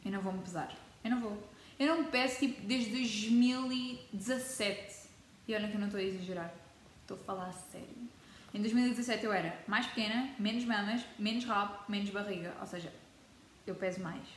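A teenage girl from Portugal with a European Portuguese accent chats to camera in a dramatic vlog, slipping English words into her speech. Her mid-range voice is fairly even and quick, recorded in an echoey room with faint ambience and a little hiss or hum.

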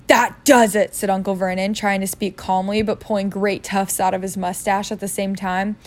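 A woman's voice: mid-range voice, level tone, moderate pace, a little mellow. A woman reading a novel aloud in a casual way, joking about her own misreadings. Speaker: reader.

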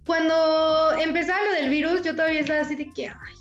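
A young woman with a Mexican accent chatting casually, animated and acting out her own thoughts as she talks. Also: high-pitched, quick pace, reverberant, muffled recording, soft background music. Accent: Mexican Spanish. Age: young adult. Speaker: interviewee. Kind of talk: casual chat.

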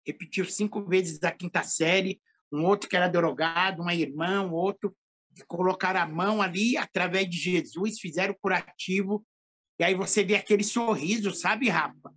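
A middle-aged pastor with a São Paulo accent tells a story in an animated, slangy, emotional way during a casual podcast interview. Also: male voice, sits high, normal speed, slightly rough. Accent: São Paulo Portuguese.

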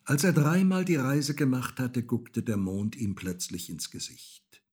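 A man reading a children's story aloud, slow and expressive. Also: medium pitch, breathy edge.

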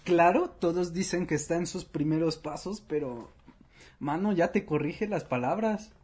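A man's voice: on the high side, moderate pace, darkish tone, slightly rough. A man with a Mexican accent in a casual chat, playful and stopping to explain slang expressions.

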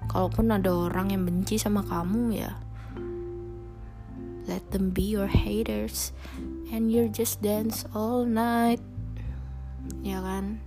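A woman's voice: medium pitch, flat delivery, slow pace, long pauses, music in the background. A young woman hosting her own podcast, talking casually and frankly in slangy speech, with English phrases dropped in. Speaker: podcast host. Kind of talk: casual solo podcast talk.

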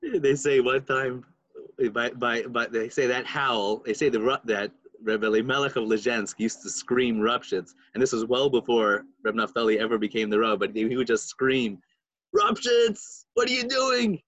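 A man telling a story in casual chat, animated and full of fillers, putting on voices for the people in it. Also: mid-range voice, moderate pace, no echo, dull audio.

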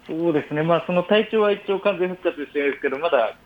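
A man's voice: fairly high pitch, quick pace. A man calling in to a radio show as a racing cyclist guest, heard over a phone line, answering in a laid-back, matter-of-fact way with many hedging fillers. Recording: dull, muffled phone line.

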